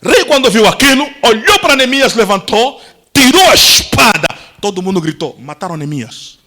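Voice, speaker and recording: Theatrical high-voiced pastor. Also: male voice, very animated, moderate pace, low-quality recording. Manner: theatrical, acts out the story's voices, shouts at climaxes. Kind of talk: dramatic Pentecostal sermon storytelling.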